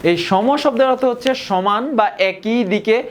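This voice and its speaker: A young man from Bangladesh, teaching a grammar lesson and often repeating key points and slowing down on example words. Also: sits high. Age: young adult. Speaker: tutor.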